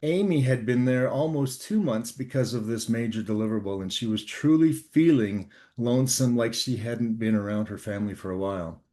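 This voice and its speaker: An older man from Canada, a guest author on leadership, telling a work story in an earnest, measured way with frequent pauses and fillers. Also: medium pitch, warm tone. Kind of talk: storytelling interview talk.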